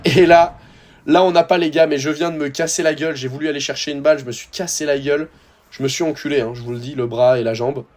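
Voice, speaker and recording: A man's voice: medium pitch, a little mellow. A young man with a French accent giving casual, slangy voice-over commentary on his own tennis match, talking straight to his viewers.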